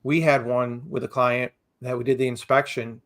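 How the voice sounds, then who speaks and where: A man's voice: mid-range voice, little pitch movement, normal speed, a bit bright. A man co-hosting a real estate podcast in casual chat, repeating himself and leaning on "you know" as he talks things through. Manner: loose, repeats words, lots of "you know".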